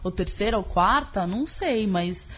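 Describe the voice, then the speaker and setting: A woman's voice: mid-range voice, animated, moderate pace. A middle-aged Brazilian woman, a guest author, talking casually and candidly in colloquial, sweary speech while sick with a sore throat. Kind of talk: casual conversational interview.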